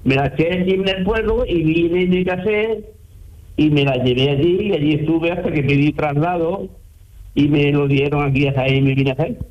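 A man's voice: a little high, normal speed. An Andalusian man in his eighties calling into a radio show, rambling and repeating himself as he tells his story. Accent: Andalusian Spanish. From Córdoba province, Spain. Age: 80s. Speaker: caller. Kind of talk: phone-in chat on the radio. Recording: muffled phone line.

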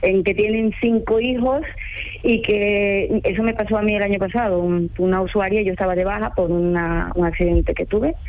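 A woman from Ecuador speaks with an Ecuadorian Spanish accent, at a middling pitch. She talks at length, earnest and chatty, laughing easily. Her voice comes through a dull, muffled phone line. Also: steady tone, moderate pace. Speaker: caller, home care assistant. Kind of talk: phone-in radio interview.

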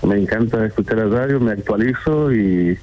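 A man in his sixties with an Argentine accent, a builder calling into a radio show, friendly and talkative with halting restarts. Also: fairly low pitch, a little mellow, no room sound, low-quality recording. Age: 60s. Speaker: caller, builder. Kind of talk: phone-in conversation.

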